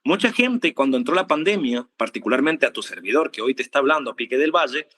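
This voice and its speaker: Animated Argentine preacher man. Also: medium pitch, fast. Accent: Argentine Spanish. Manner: animated, rhetorical questions, jokes and laughs. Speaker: preacher and online host. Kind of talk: livestream preaching with viewer greetings.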